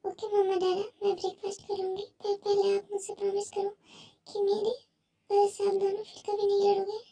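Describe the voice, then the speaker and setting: A woman voicing a timid, tearful young college woman who speaks in a soft, pleading way. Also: extremely high pitch, monotone, brisk, recorded from a distance.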